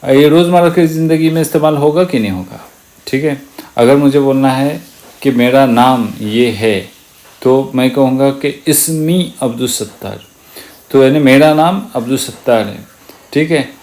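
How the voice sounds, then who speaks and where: A man gives an online Arabic lesson at a very unhurried pace. His voice sits at an ordinary middle pitch. He patiently repeats every word and turns to ask the listener to echo it. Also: darkish tone. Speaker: Arabic teacher.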